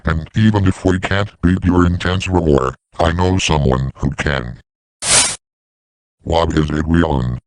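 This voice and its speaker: A man voicing scripted dialogue for an animated story about talking machines. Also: sits low, a little slow, clear, resonant tone, no room sound. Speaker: voice of talking siren characters.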